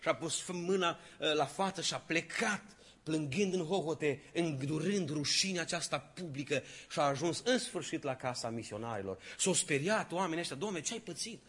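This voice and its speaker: A man's voice: fairly high pitch, fairly bright tone, breathy edge. A male preacher telling a story dramatically and rising to fervent exhortation. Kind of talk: sermon.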